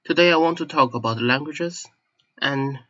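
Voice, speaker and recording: A young channel host, a native Chinese speaker, gives a casual explanatory monologue, hesitating and correcting himself as he goes. His voice is a little high and fairly bright, his pace moderate, and the lo-fi recording sounds slightly dull.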